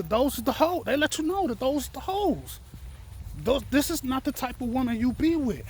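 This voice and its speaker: A man's voice: high-pitched, slight background noise. A man talking frankly and with some profanity in a casual monologue, slightly out of breath while walking outdoors. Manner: frank, profane, opinionated storytelling. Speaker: vlogger.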